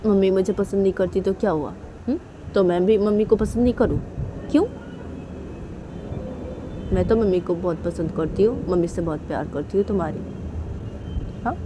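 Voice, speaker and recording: A woman voicing a calm, reassuring young woman who speaks in a soothing, coaxing way. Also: medium pitch, moderate pace, pauses often, background noise, lightly acted. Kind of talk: storytelling with acted dialogue.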